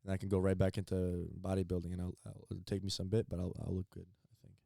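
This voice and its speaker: A teenage man co-hosting a podcast in casual chat, halting and repeating words as he thinks. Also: low voice, completely flat delivery, creaky, mellow, no room sound, studio quality. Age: teens. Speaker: podcast co-host.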